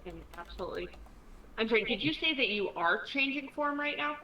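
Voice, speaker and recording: A woman's voice: high-pitched, lively intonation, a little fast, bright, forceful tone, slight background noise, low-quality recording. A woman playing a tabletop role-playing game, switching between casual table talk and speaking for her character.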